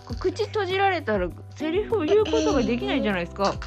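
A high-voiced woman hosts a casual solo podcast as a mother, flustered and laughing while she pleads with her small child to let her talk. Music plays clearly in the background. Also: very animated, very fast.

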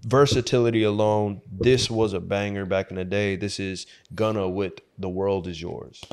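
Low-voiced blunt male co-host. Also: fairly even intonation, moderate pace, slight background noise. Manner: blunt, slangy, hypes his song pick. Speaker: podcast co-host. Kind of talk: casual group banter.

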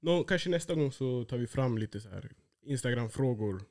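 A laid-back young man co-hosts a casual podcast and mostly answers in short, easygoing bits. His voice sits at a middle pitch. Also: expressive, a little mellow. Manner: laid-back, brief replies. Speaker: podcast co-host. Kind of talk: casual chat.

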